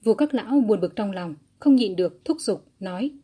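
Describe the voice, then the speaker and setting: A woman narrating a historical fantasy audiobook in a steady, even storytelling manner. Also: mid-range voice, normal speed, husky.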